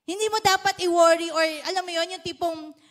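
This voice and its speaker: A woman's voice: extremely high pitch, steady tone, a little fast. A woman pastor with a Filipino accent, giving a sermon in a chatty, playful style and teasing the congregation. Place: church service.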